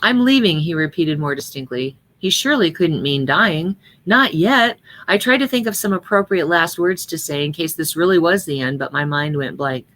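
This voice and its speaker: A woman's voice: deep voice, a little fast, few pauses, a bit bright. A middle-aged woman reading a personal story aloud at a memorial service, with earnest storytelling that lightly acts out the dialogue, then reflecting on it.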